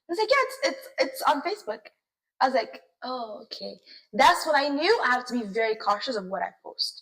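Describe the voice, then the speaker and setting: A young woman, her voice high and bright in pitch. She tells her story quickly and with emphatic energy in a casual chat. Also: big pitch swings, poor audio. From United States. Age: young adult. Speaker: co-host.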